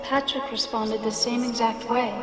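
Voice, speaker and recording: A woman playing the gentle, sorrowful ghost of a noblewoman in a video game, speaking solemnly and formally. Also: on the high side, fairly even intonation, normal speed, lightly acted. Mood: grave. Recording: echoing long reverb under loud music.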